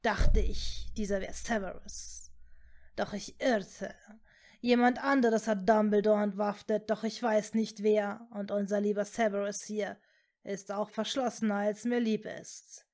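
A woman voicing an evil male dark wizard who talks in a cold, mocking, hissing way. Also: medium pitch, flat delivery, natural voice. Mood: scornful. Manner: slow, scornful, hissing.

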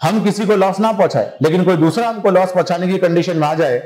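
A man's voice: high-pitched, fast, darkish tone, echoey room, rough recording. A man teaching a civil services exam class in a conversational lecture style, often checking that his students follow him.

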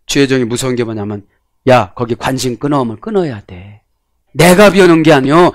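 Lively Korean pastor preaching. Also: male voice, no room sound, clean studio sound. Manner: animated preaching, swinging between loud exclamations and low asides. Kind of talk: sermon.

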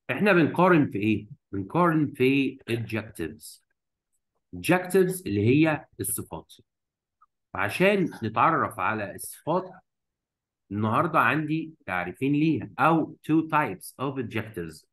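Lively Egyptian man teaching English grammar. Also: mid-range voice, poor audio. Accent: Egyptian Arabic. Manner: stretches out English words slowly when modeling them. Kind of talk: classroom grammar lesson.

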